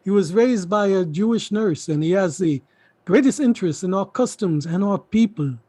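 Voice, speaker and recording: A man acts the part of an emphatic middle-aged uncle in a theatrical stage play reading, shifting between coaxing and indignant. He pleads and repeats himself with wide pitch swings, sounding animated and warm at a normal speed. The sound is dry and close, with no room sound.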